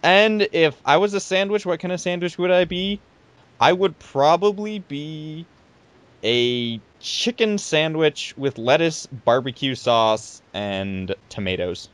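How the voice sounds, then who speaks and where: A man's voice: fairly high pitch, takes it slowly, a bit bright, smooth. A young man hosting a casual gaming podcast, joking and stumbling over his words. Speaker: podcast host.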